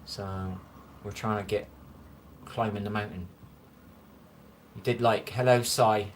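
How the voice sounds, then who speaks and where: A man's voice: lowish voice, fairly even intonation, takes it slowly, slight background noise. A chatty man with a Bristolian West Country accent, rambling and easily amused as he reads out viewer comments on a phone live stream from his room. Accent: Bristolian West Country English. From Bristol, England. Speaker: livestreamer. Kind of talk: casual live-stream chat reading comments. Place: his own room, lights low.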